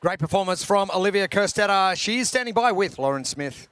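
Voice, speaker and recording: A man's voice: sits high, lively intonation, a little fast, a bit bright, clean tone. A man giving live broadcast commentary on a fitness competition. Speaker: sports commentator.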